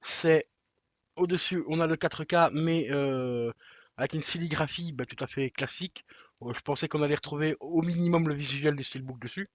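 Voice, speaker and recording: A man's voice: a little high, normal speed, no echo, highs cut off. Chatty man unboxing, slangy. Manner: chatty, slangy, addresses viewer directly, many fillers. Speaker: collector unboxing a steelbook. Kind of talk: casual unboxing commentary.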